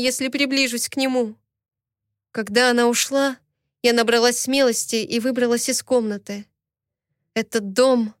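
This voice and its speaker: A woman's voice: high-pitched, fairly bright tone, smooth, no echo, clean studio sound. A woman narrating a first-person audiobook with an emotional, dramatic reading.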